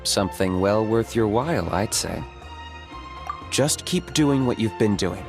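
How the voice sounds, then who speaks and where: A man playing an aloof, pragmatic young hunter for hire in a video game, speaking in a cool, measured, matter-of-fact way. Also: on the low side, animated, over music. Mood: businesslike. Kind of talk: video game dialogue acting.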